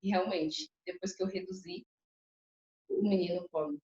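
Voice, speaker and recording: A young woman gives a personal testimony to a church group, telling her story in a lively, emotional way and often turning to the audience. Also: fairly low pitch, measured pace. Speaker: testimony speaker at a church couples' course. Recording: echoey, slightly muffled hall recording.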